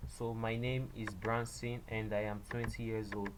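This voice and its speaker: A man giving a beginner programming tutorial, explaining step by step in a halting way and often repeating himself. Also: fairly low pitch, flat delivery. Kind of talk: screen-recorded coding tutorial. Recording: loud background noise and clicks.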